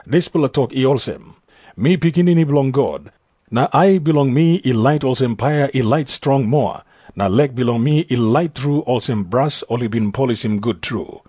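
A man's voice: mid-range voice, lively intonation, moderate pace, warm tone, husky, dry recording, clean studio sound. A man with a Papua New Guinean accent giving a scripted reading of scripture.

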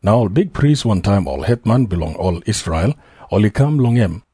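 A man's voice: on the low side, big pitch swings, normal speed, warm tone, breathy edge, no room sound, studio quality. A man with a Papua New Guinean accent narrating a dramatised Bible story from a script. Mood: measured narration. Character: calm male narrator of a gospel story.

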